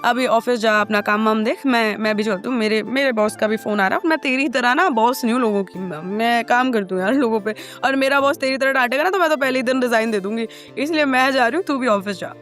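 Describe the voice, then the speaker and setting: A woman voicing a calm, teasing young female best friend who coaxes in a chatty, jokey way. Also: fairly high pitch, fast, few pauses, soft background music, close to an everyday voice. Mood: coaxing. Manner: coaxing, chatty, jokey reassurance.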